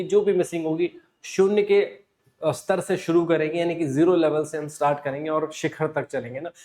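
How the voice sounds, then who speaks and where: Tag-questioning teacher, slightly high voice. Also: male voice, a little mellow. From Rajasthan. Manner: explanatory, asks and answers himself, frequent "है ना". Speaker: exam coaching teacher. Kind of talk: classroom lecture.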